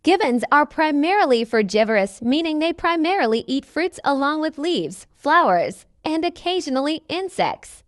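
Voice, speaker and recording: A woman reading scripted nature documentary narration in a measured, instructional manner. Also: high-pitched, very animated, dry recording, clean studio sound.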